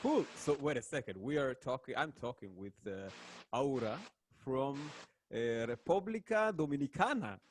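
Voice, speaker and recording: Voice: medium pitch, animated, a little hiss or hum. A host running a casual interview over a video call, asking questions hesitantly with lots of "uh" and "like.". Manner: hesitant, many "uh" and "like", quick backchannels.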